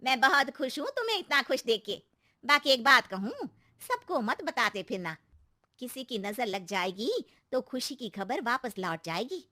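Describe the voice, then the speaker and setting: A nosy, cunning neighbor aunty from a cartoon tale, put on by a woman. She drops knowing warnings with a high, bright lift, close and dry. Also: lively intonation, normal speed, no room sound. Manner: warns in a hushed, knowing tone.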